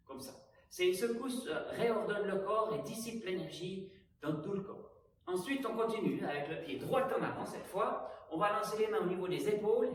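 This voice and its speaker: A man teaching an aikido class, giving calm, measured cues for breathing and movement. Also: high-pitched, a little hiss or hum. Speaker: aikido instructor. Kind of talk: guided exercise instruction. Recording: very echoey room, distant mic, faint music.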